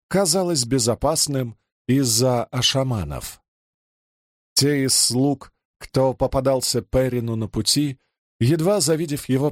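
Male audiobook narrator: unhurried, measured delivery, mid-pitch. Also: no echo, clean studio sound. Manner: measured, even reading. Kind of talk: scripted narration.

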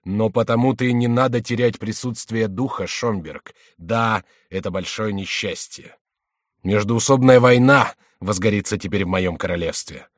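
A man's voice: lowish voice, moderate pace, no echo, studio quality, natural voice. A man voicing a distraught, hot-tempered male king in an audiobook, wailing and ranting. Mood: furious.

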